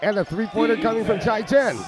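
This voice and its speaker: A man's voice: sits high, fairly quick. A man giving color commentary on a live basketball game, talking through the plays in longer, conversational sentences. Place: indoor arena. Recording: loud crowd noise behind. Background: arena crowd.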